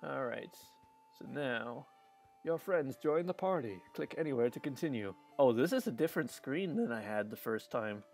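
Expressive and a little mellow, this medium-pitched voice moves at normal speed with some vocal fry, over soft background music. The man streams a game live, chatting in a rambling way, laughing often, and restarting sentences.

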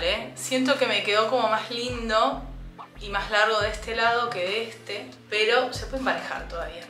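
A young woman with an Argentine accent, chatting casually as she cuts her own hair at home, a bit hoarse from a cough, self-mocking and thinking aloud. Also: mid-range voice, sharp tone, roomy sound. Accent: Argentine Spanish. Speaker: beauty vlogger. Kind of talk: casual vlog chat. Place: home bathroom.

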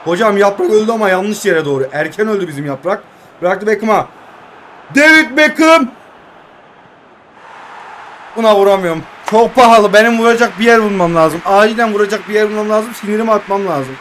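Young male gaming streamer, 20s, high-ish voice, excitable joking play-by-play, faint background hiss. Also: quick pace. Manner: excitable joking play-by-play, addresses viewers as friends. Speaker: mobile game streamer. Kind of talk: casual gameplay commentary.

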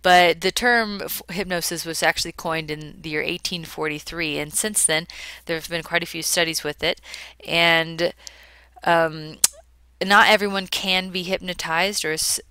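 A woman's voice: fairly low pitch, fairly even intonation, a little slow, bright, forceful tone, clean tone, no room sound. A woman giving a conversational slide lecture, explaining informally like a psychology teacher.

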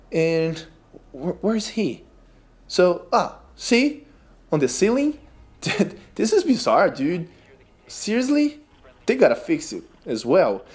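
Speaking English as a second language with a Brazilian Portuguese accent, a Brazilian man who makes gaming YouTube videos comments casually on gameplay. His voice sits on the high side with a darkish tone, and he reacts incredulously, laughing at the glitches.

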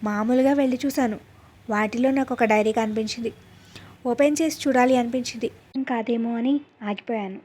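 A woman narrating a first-person love story aloud in a calm, measured storytelling manner. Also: on the high side. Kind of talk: reading an audio story aloud. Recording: dull lo-fi recording.

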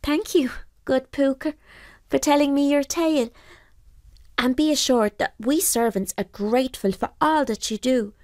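A woman's voice: high voice, a little slow, darkish tone, no echo, studio quality, pitched above the performer's own voice. A woman voicing a brave young male servant who speaks politely and earnestly.

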